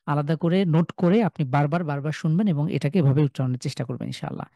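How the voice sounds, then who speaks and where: A young man with a Bangladeshi Bengali accent, teaching an online class and sounding out each letter slowly and loudly before explaining it. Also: on the high side, no room sound. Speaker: Quran recitation teacher. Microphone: video call.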